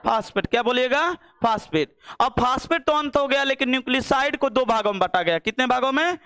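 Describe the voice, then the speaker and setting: Young guy teaching biology, really high pitched, keeps repeating q and a. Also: animated, brisk, pushed and bright, clean tone, dry recording, clean studio sound. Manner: repeats questions and drills answers. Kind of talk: classroom-style biology lesson.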